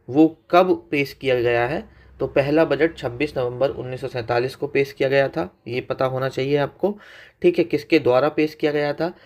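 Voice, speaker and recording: A man teaching an exam-prep economics lecture, putting questions to his students and repeating the key facts. He mixes English terms into his Hindi explanation. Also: medium pitch.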